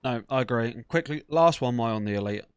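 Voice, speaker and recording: A man's voice: mid-range voice, expressive, fast, clean tone, no echo, studio quality. A man hosting a casual podcast, chatting loosely with rambling asides. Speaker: podcast host.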